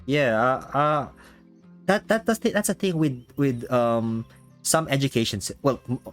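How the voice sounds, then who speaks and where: Male talk-stream host, conversational, stop-start phrasing with repeated words, backed by music. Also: medium pitch. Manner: halting, repeats words while thinking. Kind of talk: casual chat. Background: background music.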